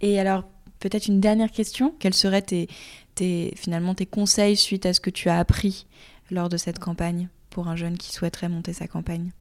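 A woman hosting a podcast, asking soft-spoken questions and reading the outro. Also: on the low side, flat delivery, normal speed, no echo. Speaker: podcast host. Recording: podcast with music behind.

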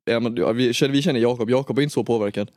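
A man's voice: mid-range voice, darkish tone, no room sound. A young Swedish man from Småland co-hosting a casual podcast. His mid-range voice is close and dry, with no room sound. He swears freely, jokes and laughs as he talks. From Småland, Sweden. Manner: crude, joking, laughs often. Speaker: podcast co-host. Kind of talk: casual chat.

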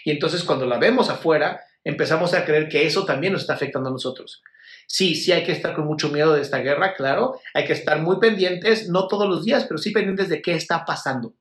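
Speaking in a slightly high, brisk voice with a fairly bright tone, a man with a Mexican Spanish accent takes viewer questions on mental health during a relaxed live stream. He's warm yet blunt, curses freely, and addresses viewers as "my love." The recording is reverberant.

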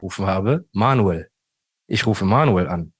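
A man's voice: sits low, measured pace, husky, faint music behind. Man retelling a feud, acting out voices. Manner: animated, acts out quoted dialogue, says "Bruder" often. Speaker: guest telling his story. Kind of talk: casual storytelling interview.

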